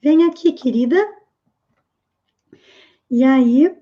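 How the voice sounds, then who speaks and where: A woman English teacher explaining a lesson, patiently repeating English phrases slowly and clearly. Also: high voice, dull audio.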